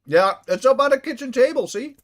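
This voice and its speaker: A man's voice: extremely high pitch, expressive, fairly quick. A man streaming a game from home, chatting casually and playfully with his viewers and inventing silly words. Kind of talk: casual live stream chat.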